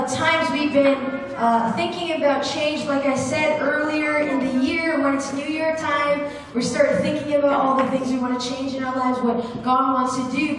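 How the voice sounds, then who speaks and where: A woman's voice: sits high, a little hiss or hum. A young woman preaching a sermon at a lectern with a handheld mic, earnest and gesturing, with fillers and restarts. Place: church hall with brick wall. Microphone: handheld microphone at a lectern, recorded from the room. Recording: echoey hall from far off.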